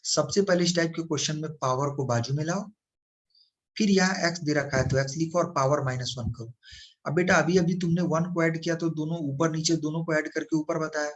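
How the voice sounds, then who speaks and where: A man's voice: on the high side, a bit bright. A man teaching a maths lesson. He asks the students questions and answers them himself, calling them "beta". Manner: calls the listener "beta", coaxing.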